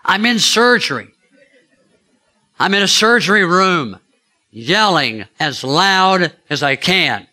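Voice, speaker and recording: Male preacher, slightly high and very bright voice, chatty storytelling sermon, quizzes the congregation. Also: very animated, slow pace, long pauses. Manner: chatty, asks the listeners questions.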